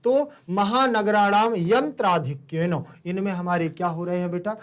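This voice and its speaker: A man's voice: sits high, moderate pace. A man with a Hindi-speaking Indian accent, teaching a Sanskrit lesson. He asks his students questions and then answers them himself.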